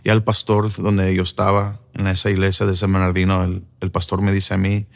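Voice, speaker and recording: A man's voice: deep voice, completely flat delivery, brisk, gravelly. A man giving an earnest personal testimony as a preacher, slipping in English fillers. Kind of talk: emotional first-person testimony.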